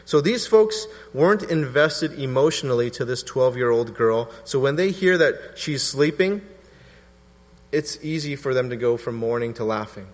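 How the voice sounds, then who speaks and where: A man in his thirties preaching a sermon in a relaxed, conversational way, acting out quotes in different voices. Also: mid-range voice, normal speed. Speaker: pastor. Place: church hall. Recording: reverberant church hall.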